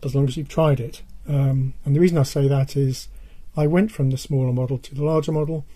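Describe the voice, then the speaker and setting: Older man, husky voice giving out. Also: medium pitch, fairly even intonation, dark tone. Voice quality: husky, dull and worn. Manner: halting, repeats points for emphasis. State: losing his voice, hoarse and giving out. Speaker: presenter of a music tech video. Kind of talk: casual product-advice talk.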